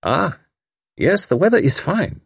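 A man voicing a stiff, formal young refugee man, grave and measured. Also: a little high, very animated, creaky, breathy edge, dry recording, studio quality, voice pushed up, full character voice.

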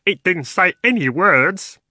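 Jackdaw: small excitable bird, shrill and breathless, very high. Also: male voice, measured pace, no room sound, studio quality, exaggerated voice. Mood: incredulous.

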